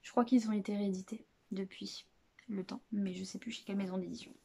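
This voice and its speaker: A woman presenting books in a casual vlog chat, hesitant and chatty, with many filler pauses and restarts. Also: medium pitch, steady tone, creaky, warm tone, slight background noise. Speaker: book vlogger.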